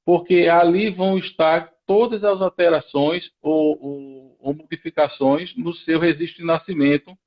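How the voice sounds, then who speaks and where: Guesting on a live stream, this Recife lawyer has a Pernambuco Brazilian Portuguese accent and a slightly high, steady voice. He walks through procedures methodically at a measured pace with few pauses, frequently restarting his sentences, over dull-sounding audio.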